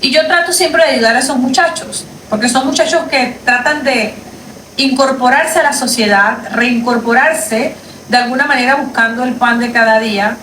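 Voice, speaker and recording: A woman's voice: high voice, normal speed, a bit bright. A woman lawyer, making an indignant, emphatic livestream statement from a street at night, repeating her points. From Panama. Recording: echoey, distant from the mic, faint background noise.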